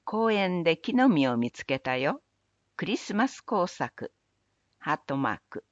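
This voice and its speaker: A woman reading municipal event announcements in a measured, even recital of dates, places and phone numbers. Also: on the low side, dry recording, dull audio. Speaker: city announcer. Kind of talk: scripted public announcement reading.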